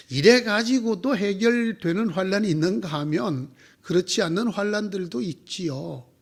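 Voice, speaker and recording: A man preaching with a high, husky voice that swoops up and down with energy. He is a pastor delivering a sermon in a church and keeps throwing rhetorical questions at his listeners. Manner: animated, asks the congregation rhetorical questions. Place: church sanctuary.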